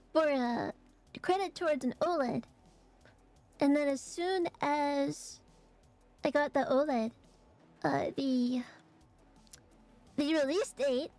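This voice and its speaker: A woman streamer chatting casually and haltingly, her voice phlegmy and rattly in the chest, congested from allergies. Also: sits high, darkish tone. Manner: halting, hesitant, trailing phrases. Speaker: vtuber streamer. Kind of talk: casual livestream chat.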